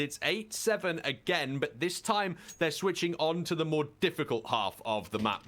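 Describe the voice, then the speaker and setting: A man's voice: fairly high pitch, fairly bright tone. A man working as an esports caster, giving fluent analytical match commentary in long explanatory sentences.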